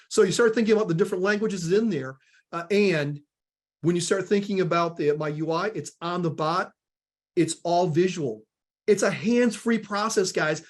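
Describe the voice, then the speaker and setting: High-voiced and energetic, a Southern-accented American man runs a product webinar. He tends to repeat words and frequently refers to the audience as "guys."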